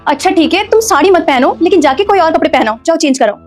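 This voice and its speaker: A woman's voice: very high-pitched, expressive, quick pace, soft background music. A woman playing a strict, tradition-minded elder sister-in-law in a family drama skit, scolding insistently.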